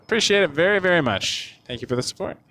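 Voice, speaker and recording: A chatty man hosts an outdoor plane-spotting stream in a high, very animated voice. He sounds friendly and casual, with faint ambient noise behind him. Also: quick pace. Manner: chatty, friendly, greeting viewers. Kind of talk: casual live stream commentary and chat. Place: outdoors by an airport.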